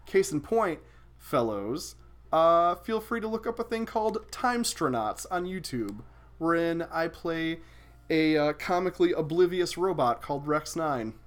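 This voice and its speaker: A man's voice: on the high side, lively intonation, a little slow. A young man casually chatting with viewers while streaming a video game, swearing and exclaiming as he plays.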